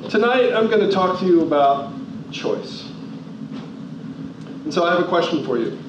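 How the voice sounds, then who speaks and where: With a high voice, lively intonation and normal speed, a forties-aged man from New Jersey gives a motivational talk full of emphatic rhetorical questions and changing pace. He's in a large hall, captured in a noisy, echoey, distant and dull recording.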